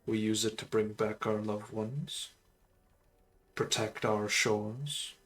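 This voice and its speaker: A man voicing an undead male sorcerer lord in a tabletop game, speaking in a measured, grandiose way. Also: fairly low pitch, steady tone, fairly bright tone, rough recording. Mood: solemn.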